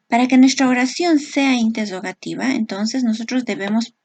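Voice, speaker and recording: Patient woman teaching a slow grammar lesson. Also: a little high, darkish tone. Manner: slow, patient explaining with frequent check-ins. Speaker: English teacher.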